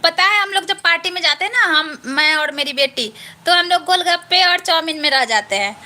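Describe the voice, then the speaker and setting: Woman going live on her phone at home, high voice, thanks viewers one by one, chatty. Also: a little fast, bright, forceful tone. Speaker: live-stream vlogger. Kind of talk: casual live-stream chat with viewers.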